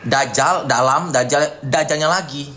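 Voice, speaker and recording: This Indonesian streamer's voice sits on the high side, bright and forceful, as he furiously insults someone in a taunting, repetitive rant. Between responses to viewer comments, he keeps dropping "ya" into the pauses.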